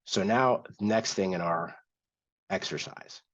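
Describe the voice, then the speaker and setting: A man's voice: fairly low pitch, slow. A man hosting an instructional workshop, explaining step by step in a conversational way with some restarts. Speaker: workshop host. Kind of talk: instructional screen-share workshop. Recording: dull lo-fi sound.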